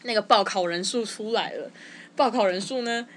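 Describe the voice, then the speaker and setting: A young woman with a Taiwanese Mandarin accent, telling her story as a podcast guest in casual chat, animated and often stumbling over repeated words. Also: medium pitch, moderate pace, a little hiss or hum. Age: young adult.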